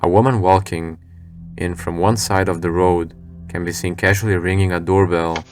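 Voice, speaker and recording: A man reading scripted narration for a scary video compilation in a measured, serious storytelling manner. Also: low-pitched, fairly even intonation, faint music behind.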